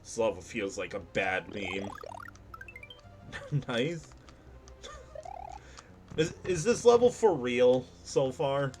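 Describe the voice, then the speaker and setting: A man giving casual gameplay commentary as a streamer, animated and self-mocking, laughing often. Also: mid-range voice, slow pace, pauses often, soft background music.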